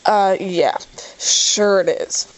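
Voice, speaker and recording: A woman's voice: medium pitch, extremely slow. A woman making a prank phone call. She acts confused, then slips into a mock-tearful, whiny plea. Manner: feigned confusion turning into mock-tearful whining. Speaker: prank caller.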